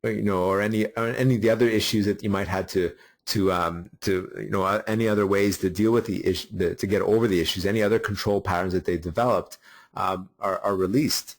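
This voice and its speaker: Middle-aged male webinar host, lowish voice, unscripted and rambling, keeps restarting his sentences. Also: fairly even intonation. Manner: halting, many fillers and restarts. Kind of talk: unscripted teaching talk.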